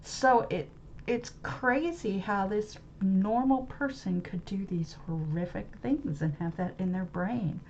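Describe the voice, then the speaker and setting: An American woman hosts a webcam channel, musing unscripted about a book in a rambling live-stream monologue. Her medium-pitched, slightly mellow voice moves slowly, full of fillers, restarts, and searching for words. The lo-fi audio sounds a bit dull, with slight background noise and faint ambience.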